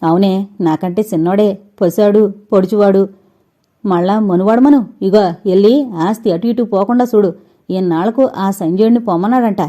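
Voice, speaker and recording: A woman's voice: medium pitch, normal speed, warm tone, natural voice. A woman voicing a greedy, scornful older village man who talks in a harsh rustic dialect.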